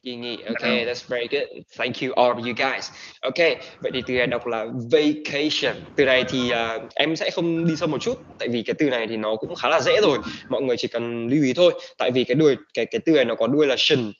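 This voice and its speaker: A man teaching an online English class, mixing Vietnamese and English with lots of "um" and "uh". His voice sits at an ordinary pitch. The recording is dull and lo-fi. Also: fast, a little hiss or hum. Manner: mixes Vietnamese and English, many fillers.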